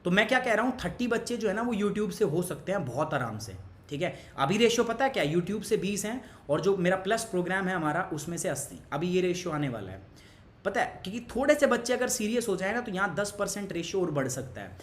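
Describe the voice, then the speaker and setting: In an echoey room, a young man with a high, animated voice moves briskly through an online exam-prep lesson. Chatty and insistent, he blends Hindi and English, poses questions to the class, and throws in motivational asides.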